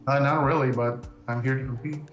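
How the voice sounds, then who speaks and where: A man's voice: medium pitch, fairly even intonation, brisk, fairly bright tone, soft background music. A young man from upstate New York, a quiz contestant talking casually about himself in a laid-back way with frequent chuckles. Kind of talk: casual interview chat. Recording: roomy echo.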